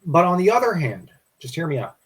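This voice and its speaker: Casual co-host, male, slightly high voice, loose and rambling delivery. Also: very animated, brisk, slightly rough. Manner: rambling, restarts often. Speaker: podcast co-host. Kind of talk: casual history discussion.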